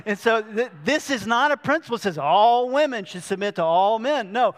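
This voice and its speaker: High-voiced pastor in a reverberant church. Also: male voice, lively intonation. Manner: reads scripture slowly, stresses key words. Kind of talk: sermon.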